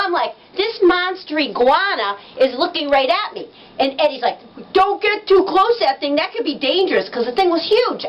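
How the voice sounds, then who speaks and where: A woman casually telling an excited travel story, acting out what people said with big jumps in her voice. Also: dull audio, slight background noise. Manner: animated, excitable, acts out quotes with big pitch jumps.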